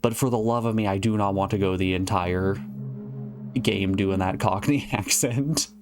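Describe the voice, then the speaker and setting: A man with a low, gravelly voice plays through a game live. He chats with viewers between lines of on-screen dialogue that he reads aloud. Game music plays clearly behind him. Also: moderate pace. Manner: chatty, reads game text aloud and talks to chat. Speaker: streamer.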